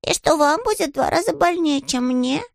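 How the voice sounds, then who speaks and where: A woman doing Paddington, a squeaky bear cub. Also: animated, moderate pace, gravelly, dry recording, studio quality. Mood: earnest. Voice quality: high squeaky childlike voice. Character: small polite male bear cub, eager and earnest.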